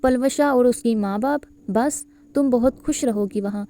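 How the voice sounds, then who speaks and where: A woman voicing a worried, gentle mother. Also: a little high, close to an everyday voice. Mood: soothing. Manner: soothing, anxious. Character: worried middle-aged mother, gentle but helpless.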